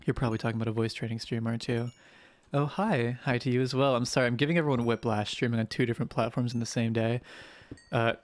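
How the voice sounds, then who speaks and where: A young adult streamer with a roughed-up, hoarse voice, chatting casually and swearing freely while playing and talking to viewers, speaking gently to spare the voice. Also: mid-range voice, no room sound. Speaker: game streamer. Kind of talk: casual live-stream gameplay commentary.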